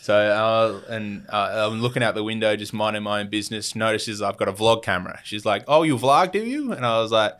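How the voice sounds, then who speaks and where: A man's voice: on the low side, completely flat delivery, fairly quick, few pauses, a bit bright, clean tone. A young Australian man, a podcast guest, telling a travel story in a rambling way, with many fillers and restarts and acted-out quotes. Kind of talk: casual storytelling.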